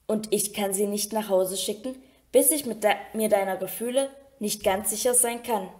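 A woman voicing an earnest, tender young prince in a storybook reading, with a soft delivery. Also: medium pitch, normal speed, lightly acted.

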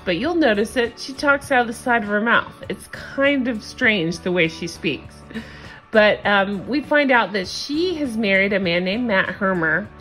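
A woman's voice: mid-range voice, a bit bright, low-quality recording. Female recap host, standard American accent, chatty and opinionated, mid-range voice over a music bed. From United States. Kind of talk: casual reality-show recap commentary.

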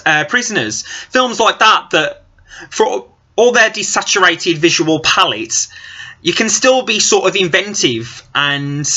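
Young man reviewing a film, bright-voiced. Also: a little high. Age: young adult. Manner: earnest, gesturing as he talks, many "I think" hedges. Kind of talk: casual spoken film review. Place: small cluttered office indoors. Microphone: built-in webcam mic at desk distance. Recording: dull lo-fi webcam audio.

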